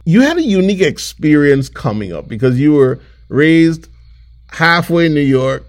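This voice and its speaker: A man hosting an interview show, first narrating an intro, then asking questions in a lively way with frequent restarts. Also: on the high side, moderate pace. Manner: lively, repeats words and restarts often as he asks questions. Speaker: show host.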